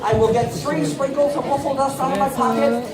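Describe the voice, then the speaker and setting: A man's voice: extremely high pitch, steady tone, a little fast. A man performing as a kids' party magician, with playful, exclaiming patter that often repeats phrases for young children. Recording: echoey room, distant mic, loud crowd. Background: loud audience of children.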